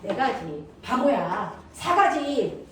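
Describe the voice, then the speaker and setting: High-voiced woman teaching in an echoey room. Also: lively intonation, normal speed. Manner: blunt and teasing, checks understanding constantly. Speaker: science teacher. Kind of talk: classroom lecture. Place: classroom with students. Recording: echoey room, distant mic, noisy.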